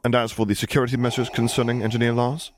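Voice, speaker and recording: A man's voice: mid-range voice, little pitch movement, fast, slight background noise, voice pushed up, natural voice. A man voicing a careful, loyal male captain speaking formally and respectfully to his superior. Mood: deferential.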